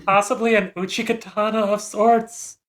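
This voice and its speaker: A woman playing a tabletop role-playing game, asking earnest, halting questions in character. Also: medium pitch, flat delivery. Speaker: player.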